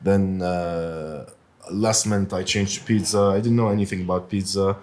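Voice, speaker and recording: A man from Lebanon who owns a pizzeria, talking casually in an interview with many pauses and fillers. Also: low voice, fairly even intonation. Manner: hesitant, many fillers, soft-spoken. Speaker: pizzeria owner. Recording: faint background noise.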